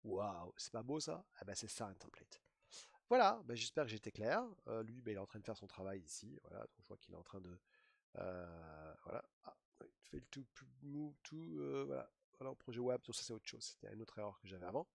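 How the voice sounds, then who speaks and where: A low, slightly husky male voice that swings up and down with enthusiasm as he guides viewers through a screen demo. He talks in a chatty, filler-heavy way, tossing in playful asides. The recording is close and dry, with no room sound. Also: big pitch swings, a little fast, no room sound. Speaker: IT trainer. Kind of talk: screen-share tutorial.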